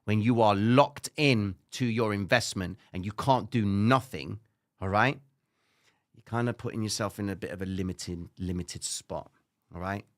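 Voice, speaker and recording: A Cypriot-accented man hosts a live trading stream at normal speed, reading viewer comments from the chat. He talks casually and directly to his audience, often tossing in "all right?" and the odd swear word. His delivery swings between loud, animated lecturing and quiet muttered asides.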